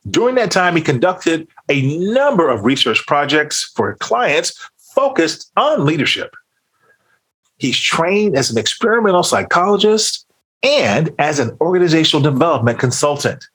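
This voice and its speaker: A man's voice: on the high side, fairly bright tone. A man hosting a leadership podcast, reading a polished introduction and then interviewing a guest in an upbeat presenter's manner. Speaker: podcast host.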